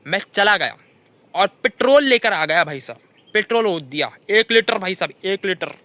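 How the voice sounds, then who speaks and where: A young man with a Hindi accent tells comic stories of his kitchen mishaps, constantly saying "bhai sahab" in an animated monologue. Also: high voice, normal speed, dry recording. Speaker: comedian telling funny stories. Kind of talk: stand-up storytelling monologue.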